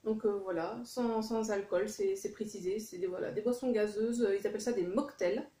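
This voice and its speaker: A woman's voice: medium pitch, fairly even intonation, moderate pace, mellow. Chatty woman, echoey room. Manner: chatty, many fillers and self-corrections. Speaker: vlogger. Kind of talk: casual shopping haul chat.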